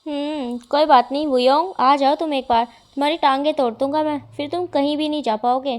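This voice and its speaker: A woman's voice: high-pitched, fairly even intonation, fairly quick, natural voice. Sulky lovesick teen boy, read by a woman. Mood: lonely sulky. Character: moody lovesick teenage boy, impatient and sulky.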